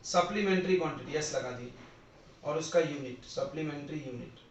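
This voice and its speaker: High-voiced teacher in an echoey classroom. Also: male voice, a little hiss or hum. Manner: repetitive, quizzes students, dictates slowly word by word. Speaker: physics teacher. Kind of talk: classroom lecture. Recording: roomy, distant, dull classroom recording.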